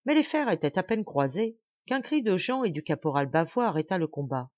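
A woman reading a classic novel aloud as an audiobook, narrating in a measured, clear way. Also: lowish voice, very animated, darkish tone, no room sound, lo-fi sound. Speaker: audiobook reader.

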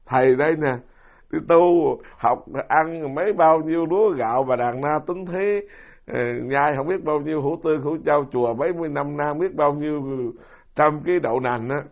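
A middle-aged man, a Buddhist monk with a Southern Vietnamese accent, giving a dharma talk full of stories and rhetorical questions to his listeners. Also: fairly high pitch. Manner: storytelling with rhetorical questions to the audience. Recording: dull lo-fi recording.

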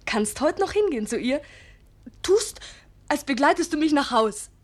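A woman's voice: high-pitched, lively intonation, moderate pace. An actress playing a young girl confidante in a radio play, teasing, confidential and persuasive. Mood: confiding, persuasive.

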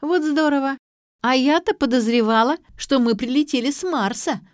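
A woman's voice: on the high side, big pitch swings, darkish tone, dry recording, studio quality, voice pushed up. Woman doing a sarcastic young daughter, raised voice. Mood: mocking. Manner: brisk, sarcastic, pushy. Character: sharp-tongued young adult daughter.

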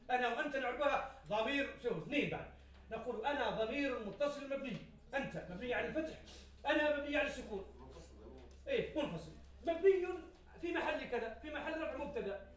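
A man's voice: very high-pitched, fairly bright tone. A man teaching a classroom grammar lecture, repeating examples and asking the class questions. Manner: explains by repeating examples, asks the class questions, laughs now and then. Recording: echoey classroom from far off.

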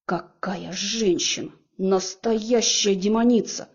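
A woman's voice: fairly low pitch, brisk, dark tone, husky, highs cut off. A woman voicing a horned male demon suitor in an audiobook, speaking breathily and admiringly. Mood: smitten.

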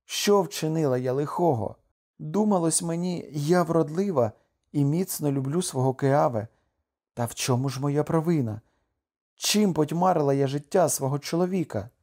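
A man's voice: fairly high pitch, moderate pace, warm tone, voice pushed up, natural voice. A man reading an audiobook, voicing a loving, desperate young island wife with a raised, pleading delivery. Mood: anguished.

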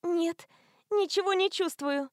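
A woman's voice: slow, no room sound, studio quality. A woman voicing a tipsy, dreamy young woman who is giggly and stubborn, in an audiobook story. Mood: tipsy, giddy. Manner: sing-song, high and excitable.

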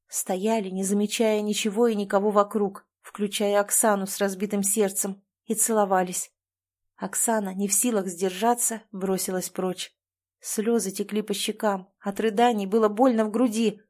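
Brief: woman narrator, mid-pitched voice, measured and steady storytelling.

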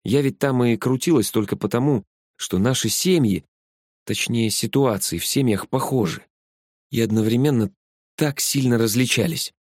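A man reading an audiobook, voicing the ghost of a little dead girl who speaks quietly and calmly. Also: mid-range voice, normal speed, no echo, clean studio sound, close to an everyday voice. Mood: sad calm. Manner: quiet, half-whispered.

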